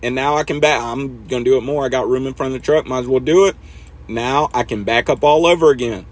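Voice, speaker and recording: An easygoing man narrates his own driving in a truck simulator. His voice sits at an ordinary middle pitch, relaxed and conversational. He coaches viewers step by step and talks to himself along the way. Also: fast talker. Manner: laid-back, talks to himself while driving. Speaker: truck driver teaching backing. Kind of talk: casual instructional commentary over gameplay.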